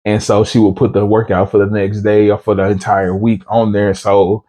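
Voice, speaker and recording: A man with a low, mellow voice delivers a motivational podcast monologue. He speaks earnestly and repeats himself for emphasis. He keeps his delivery fairly even and often turns to the listener with a casual check-in. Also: normal speed. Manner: earnest, repetitive, conversational, often asks "you know what I'm saying?". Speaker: podcast host.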